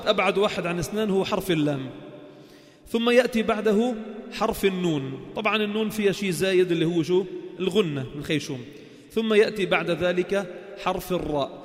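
A man with a Levantine Arabic accent teaching Quran recitation, asking questions and chanting sounds slowly to show them. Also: sits high, in a large hall. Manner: slow, drawn-out chanted demonstrations of sounds and words; asks the class questions and answers them himself. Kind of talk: spoken lesson on tajweed.

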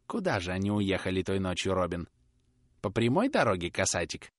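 A man's voice: medium pitch, big pitch swings, moderate pace, fairly bright tone, no room sound, studio quality. A man voicing a grasping, sly old woman who coaxes and snaps as she pries for secrets, in a storybook reading. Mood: prying. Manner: wheedling, coaxing, then snapping. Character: grasping sly old crone, prying and fierce.

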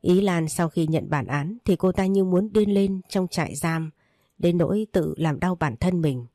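A woman narrating an emotional story in a steady reading style. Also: fairly low pitch, measured pace, dry recording, studio quality.

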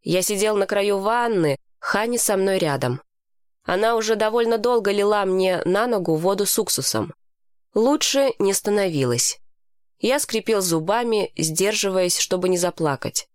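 An audiobook narrator reads a children's book in the first person, her scripted delivery clear and even. Her voice is medium in pitch at a moderate pace, recorded dry with studio quality.

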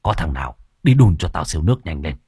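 A man voicing a stern older village healer and sorcerer who scolds gruffly and barks orders, in an audiobook story. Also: a bass voice, very animated, fast, darkish tone, dry recording, clean studio sound, pitched below the performer's own voice, heavily acted. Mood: gruff scolding.

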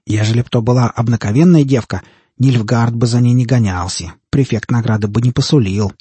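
A man's voice: medium pitch, brisk, mellow, slightly rough, no room sound, lightly acted. A man voicing an angry, sputtering male tracker who barks his words. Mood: furious. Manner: barking, furious.

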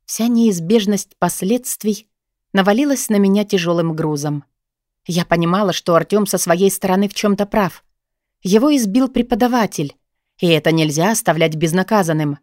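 A woman's voice: mid-range voice, normal speed, darkish tone, dry recording, clean studio sound. A woman reading a novel aloud in first person, emotional and pleading in the heroine's dialogue. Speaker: audiobook narrator. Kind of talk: scripted first-person narration.

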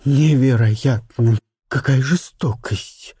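A man voicing a kind, motherly aristocratic viscountess in an audiobook, speaking in a soft, measured way. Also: medium pitch, slightly rough, dry recording, studio quality. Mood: indignant. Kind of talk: audiobook character reading.

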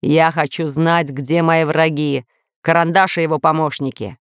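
Brief: bossy storybook villain lord, low and slow, read by a woman, dry close sound. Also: fairly even intonation, no echo, lightly acted. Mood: scheming. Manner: gruff, blustering, shouting threats. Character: menacing male villain island ruler, bossy.

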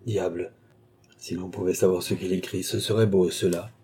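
A man voicing an old scheming duke who mutters low asides. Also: completely flat delivery, a little fast, dark tone, close to an everyday voice. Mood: muttering.

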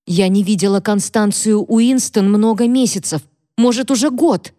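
A woman's voice: medium pitch, dark tone, no room sound, clean studio sound, voice pushed up, close to an everyday voice. A woman voicing a composed housewife who speaks in a level, careful way. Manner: level, measured, restrained.

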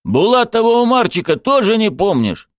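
A man voicing a grieving male coach who shouts threats through tears in an audiobook. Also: high voice, sing-song, normal speed, dry recording, studio quality, pitched above the performer's own voice. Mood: pressing.

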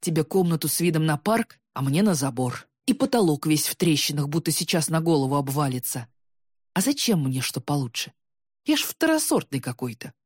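A woman voicing a bitter, jealous young man who shouts resentfully, his voice breaking with tears. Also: deep voice, sing-song, fairly quick, breathy edge, no room sound, clean studio sound, full character voice. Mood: bitter, shouting.

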